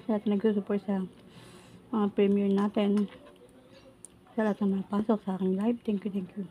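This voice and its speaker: Her voice sits at medium pitch with little movement and a normal speed, coming through narrow and tinny. She's a Filipino vlogger whose missing upper front teeth affect her speech, chatting to viewers while making and eating food. The home setting is noisy, full of chickens and crowing roosters.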